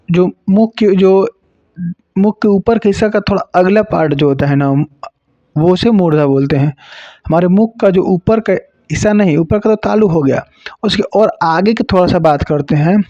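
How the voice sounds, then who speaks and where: A man from Uttar Pradesh teaches a grammar lesson, his voice a bit high and mellow. He explains patiently, repeats sounds and slips in jokes. The recording is dry and dull, a little lo-fi. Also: no echo. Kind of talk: exam-prep grammar lesson.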